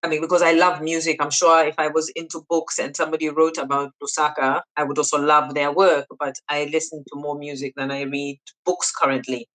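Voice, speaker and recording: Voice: medium pitch, little pitch movement, fairly quick, few pauses, low-quality recording. A podcast host from Zambia, interviewing guests and repeating praise. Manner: warm, effusive, repeats praise.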